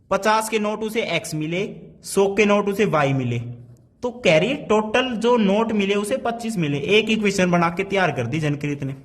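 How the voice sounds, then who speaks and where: A man teaching a math lesson. He mixes Hindi and English and hypes up each solved step. He slows right down when he reads textbook problems aloud. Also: high voice. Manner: energetic, hypes up his solutions. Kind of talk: chalkboard-style math lesson.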